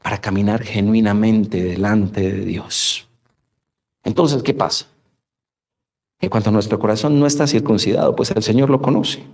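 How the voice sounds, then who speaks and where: A man's voice: fairly low pitch, fairly even intonation, moderate pace, a little mellow. A male pastor giving a radio sermon, preaching through rhetorical questions and addressing his listeners as brothers. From Colombia. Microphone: studio microphone for radio broadcast.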